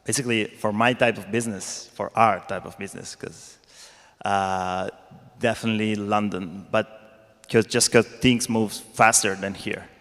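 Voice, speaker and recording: A man with an Italian accent, a native Italian speaker, answering informally as a startup founder in blunt, halting English. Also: on the low side, steady tone, a bit bright. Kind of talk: informal spoken panel answer. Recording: reverberant hall.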